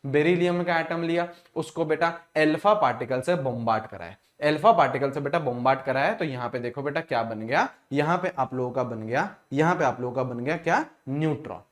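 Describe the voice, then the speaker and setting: A man's voice: a little high, fairly quick, few pauses. A man with an Indian accent teaching exam chemistry, who asks questions and answers them himself and calls students "beta". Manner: calls listeners beta, repeats key points. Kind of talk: exam revision lecture.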